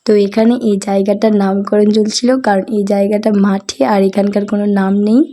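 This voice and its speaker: Hoarse woman vlogger, flat and mellow. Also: medium pitch, a little fast. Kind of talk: casual vlog narration.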